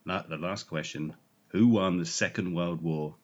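A man's voice: sits low, moderate pace, highs cut off. A man playing a drunk, bumbling older male university lecturer in an improvised comedy sketch, rambling and evasive. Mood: bumbling, boozy.

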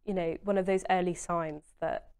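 A woman's voice: fairly low pitch, steady tone, moderate pace, a little mellow, smooth. A woman, speaking earnestly and emphatically as a guest in a conversational interview, often saying "you know". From Essex, England. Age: 20s.

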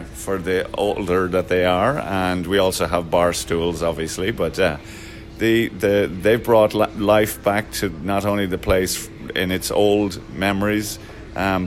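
A man running a pub, talking in a casual interview with many fillers and jokes. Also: low voice. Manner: hesitant, many fillers, jokey. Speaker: Irish pub owner.

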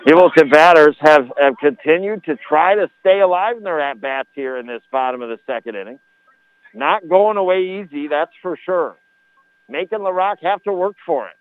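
A man calling a live high school baseball game on radio, with a folksy, colourful turn of phrase. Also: moderate pace, clean tone, rough recording. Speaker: baseball play-by-play announcer. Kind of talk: live radio sports commentary. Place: broadcast booth at ball game.

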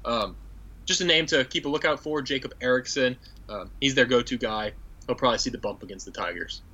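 A man's voice: mid-range voice, brisk, sharp tone, husky, muffled recording. A man co-hosting a sports podcast, breaking down the matchup in an easygoing way with fillers. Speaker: podcast co-host. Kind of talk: casual sports podcast chat.

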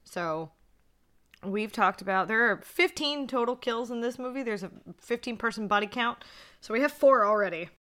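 Bright-voiced woman, eager podcast co-host. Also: on the high side, animated, normal speed. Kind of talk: casual podcast chat about horror films.

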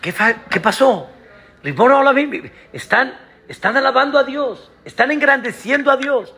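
A rabbi giving a sermon, pressing the congregation with emphatic rhetorical questions. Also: male voice, very high voice, lively intonation, normal speed, vocal fry, sharp tone.

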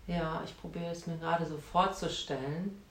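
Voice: medium pitch, steady tone, normal speed, creaky, echoey room. An interviewer who thinks aloud while asking questions, searching for words with many fillers. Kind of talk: conversational interview.

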